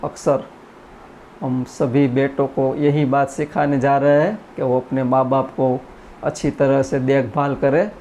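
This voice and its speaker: A man from India telling a moral story in a slow, earnest, preachy way, addressing his channel's viewers. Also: mid-range voice, level tone, dark tone, a little hiss or hum. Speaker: YouTube channel creator. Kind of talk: spoken story and message, then singing.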